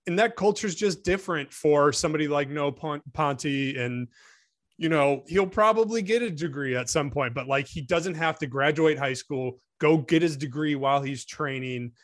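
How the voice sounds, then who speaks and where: A man co-hosts a swimming podcast, chatting casually about the sport and thinking aloud, often restarting his sentences. His voice is on the high side and he speaks at a moderate pace.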